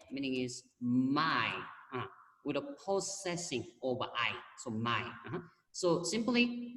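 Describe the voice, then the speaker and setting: A man's voice: fairly high pitch, fairly bright tone, echoey room, big-room sound, distant mic, low-quality recording. A man with a Korean accent teaching a language class over a video call, explaining patiently with lots of examples and "okay"s.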